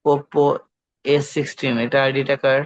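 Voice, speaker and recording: Leading an online pronunciation drill, a male English teacher patiently repeats words for the class in a medium-pitched, monotone, unhurried voice. There is no room sound, and the call audio is dull and lo-fi.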